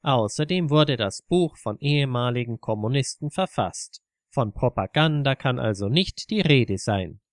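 A man's voice: medium pitch, lively intonation, a little slow, no room sound, clean studio sound, natural voice. A man voicing a moderate man who cuts into an argument in a firm, matter-of-fact way.

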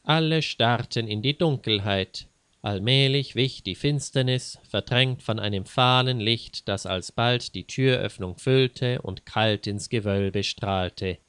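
A man narrates a scripted learners' story in a calm, measured way. His voice is smooth and resonant, at an ordinary pitch. The recording is close and dry. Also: no echo. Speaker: language teacher and storyteller.

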